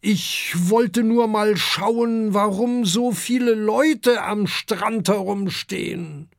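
A narrator voicing a giant, clumsy sea dragon from a children's story. He stammers sheepishly, slow and pitched above the plain reading voice. The sound is dry and close. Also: gravelly, no echo.

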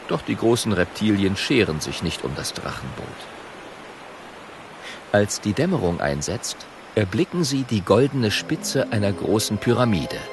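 A man narrating a children's audiobook in an expressive way. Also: fairly low pitch, vocal fry, noisy background.

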